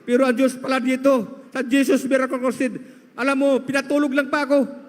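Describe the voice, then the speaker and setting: A man's voice: extremely high pitch, little pitch movement, a little fast. A man giving an emotional testimony to a church congregation, telling his story and often addressing the listeners as beloved. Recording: long hall reverb.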